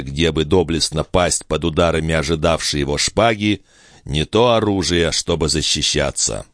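Man, audiobook narrator, low voice, expressive, dry close mic. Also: no echo. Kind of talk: dramatic audiobook reading.

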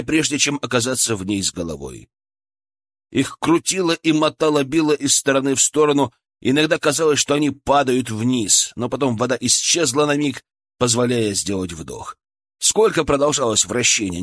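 Mid-pitched male audiobook narrator. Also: fairly bright tone, no room sound, studio quality. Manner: measured, dramatic storytelling. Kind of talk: scripted narration.

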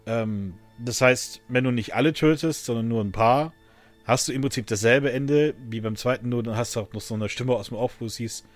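A man's voice: mid-range voice, brisk, faint music behind. A man hosting a casual podcast, talking loosely with many fillers and restarts and laughing often. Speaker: podcast host.

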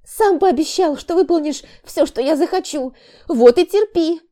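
A woman's voice: sits high, animated, very slow, mellow, pitched above the performer's own voice, exaggerated voice. A woman voicing a young woman in labor, frightened and demanding, her talk strained and tearful.

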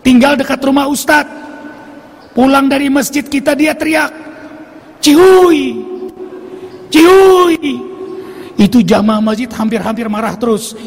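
High raspy-voiced man preaching with fervor. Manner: fervent, rousing, calls out to the congregation. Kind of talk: sermon. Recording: long hall reverb.

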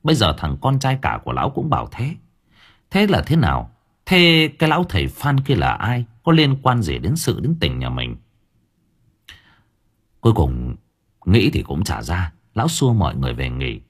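A man narrating a horror story in a dramatic, expressive way. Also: low voice, normal speed, long pauses, husky. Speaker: audiobook narrator. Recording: faint background music.

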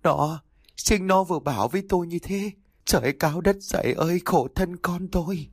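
A man's voice: on the high side, expressive, normal speed, creaky, slightly rough, no room sound, studio quality, voice pushed up, heavily acted. A man voicing a distraught older village mother who is weeping and pleading, in a narrated story. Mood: wailing. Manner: wailing, pleading.

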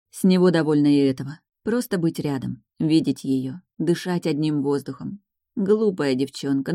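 A woman reading a fantasy romance audiobook aloud, in calm, measured storytelling. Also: sits low, no room sound, studio quality. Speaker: narrator.

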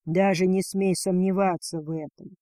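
A woman reading a storybook, voicing a strong, tender male dragon husband in a husky, breathy murmur. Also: on the low side, steady tone, normal speed, dark tone, no echo, lightly acted.

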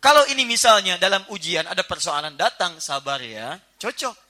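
A man giving a lively sermon as a preacher, joking and acting out small household scenes. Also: high voice, moderate pace. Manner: animated, jokey, acts out little household scenes. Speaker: Islamic preacher. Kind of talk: lively sermon to a live audience.

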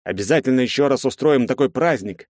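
A man narrating an audiobook, voicing Bartynov, a boisterous and merry young man who talks loudly and jovially. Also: a little high, big pitch swings, normal speed, no room sound, studio quality, voice pushed up. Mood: exuberant. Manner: loud and jovial.

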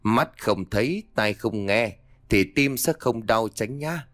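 A sadistic male villain voiced by a man hisses mocking threats in a low, lively voice. The sound is dry and close, in the manner of a dark storybook. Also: slow pace, no room sound. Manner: hissing, mocking.

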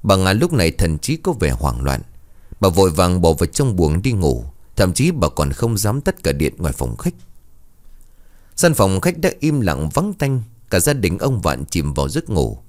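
Deep-voiced man telling a ghost story. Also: moderate pace. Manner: dramatic, animated storytelling.

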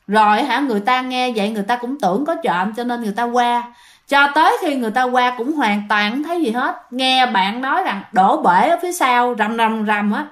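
A woman telling a ghost story in a casual, chatty way, talking straight to her listeners. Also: a little high. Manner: chatty, addresses listeners directly.

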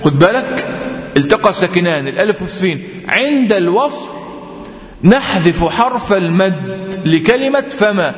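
In a roomy space with a long, trailing reverb, an Egyptian man with an Egyptian Arabic accent teaches a tajweed lesson as a Quran recitation teacher. His voice is high, clear and expressive. He explains patiently, repeats his points and draws example words out slowly.

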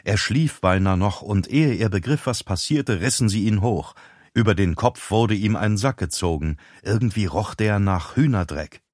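A man's voice: lowish voice, animated, a little mellow, no echo, clean studio sound. Man reading a tense thriller audiobook. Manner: tense, measured storytelling. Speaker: audiobook narrator. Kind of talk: scripted audiobook narration.

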